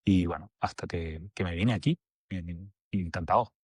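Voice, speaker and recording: Speaking as a guest in a relaxed conversational interview, this agency director is a man in his forties from Venezuela with a matching accent. His voice is deep, darkish and slightly rough at a normal pace, and he rambles with plenty of fillers and restarts. The audio is studio quality, free of echo.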